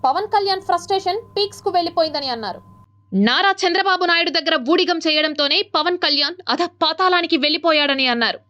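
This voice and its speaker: A woman reads the news at a quick clip. Her voice sits very high and sounds bright and crisp, with a brisk, even newsreader delivery. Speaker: news anchor. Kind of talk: scripted news reading.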